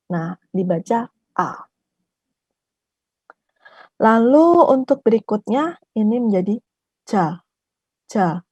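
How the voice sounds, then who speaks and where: A woman teaching an online language class, patiently repeating each syllable slowly for her learners. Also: mid-range voice, a little mellow, breathy edge, dry recording, dull audio.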